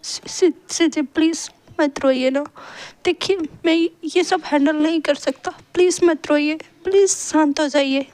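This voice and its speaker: A woman voicing a tearful young man who softly pleads and comforts in a story reading. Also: high-pitched, steady tone, normal speed, dry recording, lightly acted. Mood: pleading. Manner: soft, pleading, choked up. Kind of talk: storytelling role voice.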